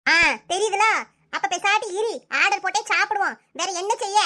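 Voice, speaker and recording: This is a woman performing a cartoon character: a cranky, bedridden mother-in-law who keeps scolding and nagging in Kanyakumari Tamil speech. The pitch is very high and the tone steady, with a fairly quick delivery.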